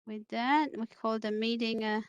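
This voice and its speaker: A woman runs a committee meeting on a conference call. Her voice is smooth and clean, pitched a little high. The sound is dry, with no room echo. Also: fairly even intonation, moderate pace. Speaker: meeting chair. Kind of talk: semi-formal chairing of an online committee meeting.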